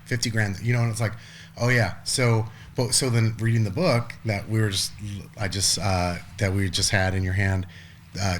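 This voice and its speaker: With a deep voice and a little hiss or hum behind him, a forty-something man chats casually as a podcast guest. He tends to ramble, starts over a lot, and swears now and then.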